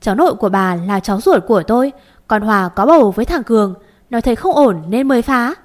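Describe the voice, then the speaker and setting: A woman voicing a brash, quarrelsome middle-aged mother who wails and shouts. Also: on the high side, animated, moderate pace, close to an everyday voice. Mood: shouting. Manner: loud, wailing, coarse.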